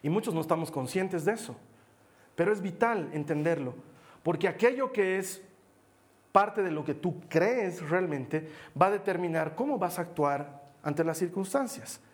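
A man preaching a sermon, telling a personal story in a lively way and acting out what people said. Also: sits high, moderate pace. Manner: lively storytelling, acts out quotes.

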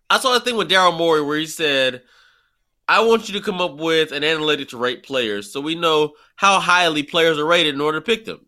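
A man's voice: high voice, pushed and bright. A man co-hosting a sports talk show, lecturing and dismissive as he argues his point. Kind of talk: heated sports debate.

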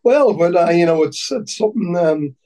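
A man with a Donegal Irish accent reminiscing in conversation, haltingly and often repeating his words. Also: sits high, expressive, dark tone, recorded from a distance. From County Donegal, Ireland.

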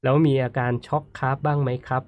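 A man's voice: mid-range voice, fast talker. Easygoing male host reading questions, muffled remote line. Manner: relaxed, soft agreeing murmurs. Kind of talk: hosting a panel talk and reading viewer questions. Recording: dull lo-fi remote audio.

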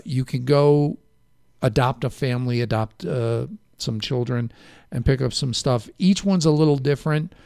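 Gravelly-voiced male radio host. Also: mid-range voice, darkish tone, dry recording, clean studio sound. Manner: rambling, self-correcting. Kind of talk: local radio interview. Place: radio studio. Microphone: studio microphone.

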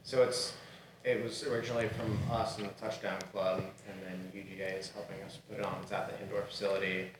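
A man's voice: lowish voice, level tone, quick pace, a little hiss or hum, rough recording. A man hosting a podcast, explaining details matter-of-factly in casual chat. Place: podcast studio.

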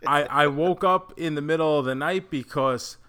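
A man with a bright, forceful voice set a bit higher than average. He talks casually as a podcast host, chatting to listeners and his co-host. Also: moderate pace.

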